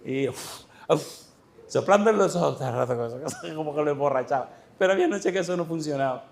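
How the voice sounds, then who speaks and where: A man's voice: on the high side, brisk, gravelly, a little hiss or hum. A middle-aged man, a pastor, preaching a sermon in a church and telling stories with questions to the congregation. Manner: lively storytelling, addressing the congregation with questions.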